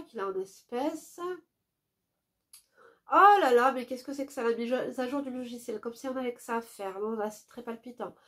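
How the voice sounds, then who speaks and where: A woman with a stuffy, nasal voice from a cold, reading a viewer's letter aloud and dropping to soft asides between passages. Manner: drops to a soft, low voice for quick asides.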